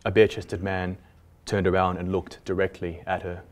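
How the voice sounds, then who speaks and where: A man, the author, reading his own literary fiction aloud in a measured, deliberate way at a public library event. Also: sits low, level tone.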